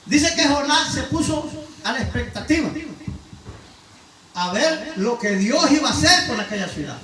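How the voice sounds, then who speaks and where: High-voiced man preaching a sermon. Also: very animated, normal speed, reverberant, far from the mic, a little hiss or hum, rough recording. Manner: swings between loud exclamations and low murmurs; addresses listeners directly, rhetorical questions.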